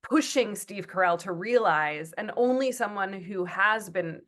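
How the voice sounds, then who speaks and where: A woman's voice: mid-range voice, unhurried, a bit bright. A woman TV writer talking through her work in an interview, thoughtful, with fillers and restarts. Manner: thoughtful, many fillers and restarts, acts out quotes. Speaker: TV writer and producer, guest. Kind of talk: conversational interview.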